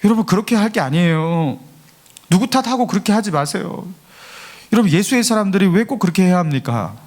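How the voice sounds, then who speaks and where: A man's voice: high voice, expressive, brisk, a little mellow. A man pastor preaching a Sunday sermon, earnest and pleading, acting out the taunts of scoffers and building to fervent emphasis. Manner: acts out mocking voices of scoffers. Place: church sanctuary.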